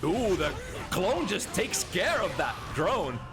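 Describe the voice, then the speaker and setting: Guy doing fighting game commentary, lively swinging voice, voice shoots up on big hits, game music going behind. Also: slow. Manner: excitable, voice jumps high at big moments.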